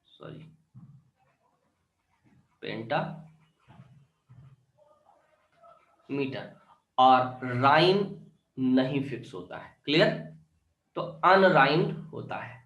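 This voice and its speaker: A man teaching an online English literature class, explaining step by step and often checking "clear?", with Indian-accented English. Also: mid-range voice, lively intonation, slow, fairly bright tone, reverberant, highs cut off.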